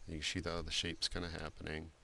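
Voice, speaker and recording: A man giving a screen-recorded software drawing tutorial, talking loosely with many fillers and restarts. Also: extremely low pitch, completely flat delivery, fast talker, vocal fry, a little hiss or hum. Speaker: art instructor.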